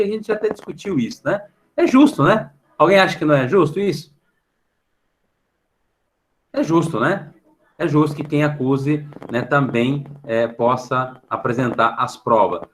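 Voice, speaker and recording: Brazilian teacher with a tag-question habit. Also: male voice, a little high, expressive, fairly bright tone, rough recording. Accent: Brazilian Portuguese. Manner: explains patiently, filling pauses with a questioning tag. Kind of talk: online class for middle schoolers. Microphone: computer mic on a video call.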